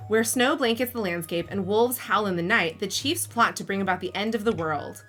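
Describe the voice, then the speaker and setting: A woman runs a live game stream, chatting with players and reading scene text aloud between giggles. Her voice is bright and clear at a middling pitch. Faint music sits behind her. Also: brisk. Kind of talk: casual live-stream chat and narration.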